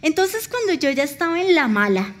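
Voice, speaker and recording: A woman's voice: high voice, very animated, a little fast. A middle-aged woman pastor, preaching a sermon and telling a personal story with feeling and acted-out dialogue. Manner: emotional storytelling, acts out dialogue.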